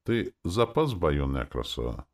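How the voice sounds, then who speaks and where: A man voicing a stately, grumbling male druid who speaks in a booming way in an audiobook. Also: sing-song, unhurried, heavily acted.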